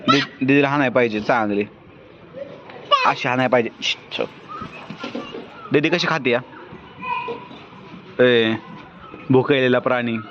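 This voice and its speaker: Woman, family vlogger, scolding and coaxing small children, dull lo-fi phone audio, loud outdoor background noise. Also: rumbling low, unhurried, long pauses. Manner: scolding, coaxing, fussing over small kids. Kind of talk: casual home vlog talk with children.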